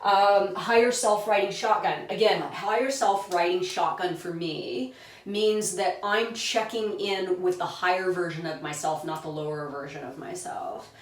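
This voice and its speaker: A woman's voice: fairly low pitch, unhurried. Earnest woman coaching in an echoey room. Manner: earnest, coaching, acts out inner voices, frequent "right?" checks. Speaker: self-help video host. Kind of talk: motivational self-help talk. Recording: roomy echo, mic at a distance.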